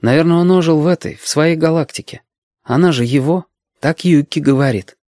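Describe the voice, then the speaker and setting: A man's voice: a little high, brisk, darkish tone, dry recording, clean studio sound, pitched above the performer's own voice, close to an everyday voice. A man reading a story aloud and voicing an eager sixth-grade boy who patiently explains things to a girl. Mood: eager, explaining.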